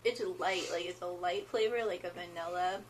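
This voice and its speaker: A woman's voice: lowish voice, normal speed, slight background noise. A woman hosting a casual taste-test video, talking with her mouth full while chewing, playful and giggly. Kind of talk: casual chat. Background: background music.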